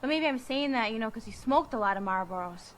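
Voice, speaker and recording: A woman's voice: on the high side, animated, fast, close to an everyday voice. An actress playing a chatty small-town woman witness with a Minnesotan accent, rambling on in a friendly way.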